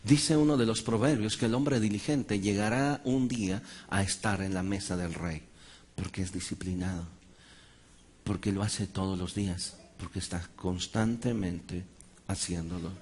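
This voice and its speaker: A man's voice: low-pitched, normal speed, darkish tone, a little hiss or hum. A man preaching a sermon, emphatic and dramatizing Bible stories.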